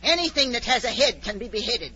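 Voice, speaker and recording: A woman's voice: on the high side, sing-song, brisk, sharp tone. An actress playing an imperious, hot-tempered queen who barks commands, in 1940s radio drama style. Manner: domineering, barking commands. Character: imperious, hot-tempered Queen of Hearts, bellowing execution orders. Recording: noisy, muffled 1940s radio recording.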